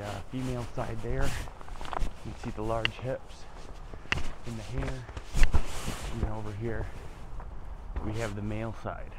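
A man with a Midwestern American accent narrating a walking tour of a snowy outdoor park in a casual, relaxed way, thinking aloud as he walks, recorded on a body-worn camera. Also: lowish voice, very noisy. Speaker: vlogger giving a walking tour.

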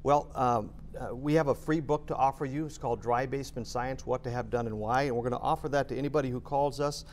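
A man's voice: mid-range voice, steady tone, quick pace, a little hiss or hum. A middle-aged man, a guest expert on a TV studio show, explaining plainly with occasional filler words. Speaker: basement waterproofing expert guest. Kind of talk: explaining on a TV interview. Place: TV studio set.

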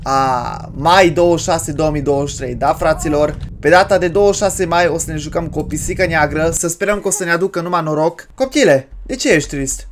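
Horror game let's-play, crude jokes, sudden yells. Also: mid-range voice, hardly any pauses, slight background noise. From Romania. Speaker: gaming video creator.

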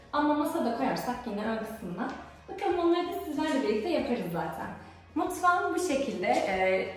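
A young woman chatting to her viewers on a home tour vlog, with her voice echoing through bare, empty rooms as if in a cave. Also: darkish tone. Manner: chatty, addressing viewers directly. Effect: cave-like echo of bare empty rooms. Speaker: vlogger. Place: empty unfurnished apartment indoors. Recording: booming echo in an empty hall, far from the mic.

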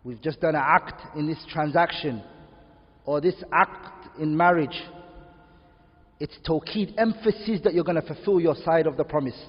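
A man's voice: fairly high pitch, husky. Male teacher, quizzes the room often, lo-fi echoey classroom recording. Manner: quizzes students with repeated questions; repeats key terms slowly. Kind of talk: classroom lesson. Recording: dull distant audio in echoey room.

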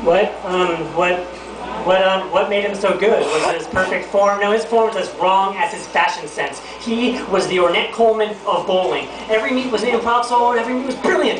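A man's voice: sits high, noisy background. A man performing comic slam poetry on a lounge stage, telling a rhythmic story in lists. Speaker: slam poet. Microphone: far camera. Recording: roomy lounge, far mic, crowd.

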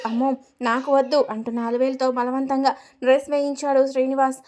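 A woman narrating a serial family story in a steady, even storytelling manner. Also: high-pitched.

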